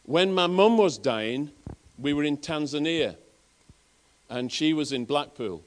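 A man's voice: fairly high pitch, expressive, measured pace. A man with a Northern English accent, preaching a sermon and telling personal stories in an earnest way, often restarting his phrases. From England. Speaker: pastor.

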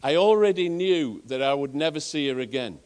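A man's voice: fairly high pitch, lively intonation, brisk, darkish tone, smooth. A man with a Northern English accent, preaching a sermon and telling personal stories in an earnest way, often restarting his phrases. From England. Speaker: pastor.

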